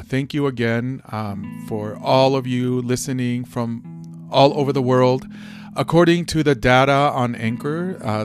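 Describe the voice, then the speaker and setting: Man podcasting over guitar music. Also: medium pitch. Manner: informal, conversational. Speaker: podcast host.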